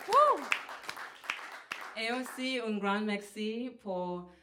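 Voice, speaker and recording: A woman from Trinidad and Tobago with a Trinidadian accent, performing stand-up comedy in a halting way with many fillers. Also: lowish voice, crowd noise, noisy background. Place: comedy venue. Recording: roomy live venue sound.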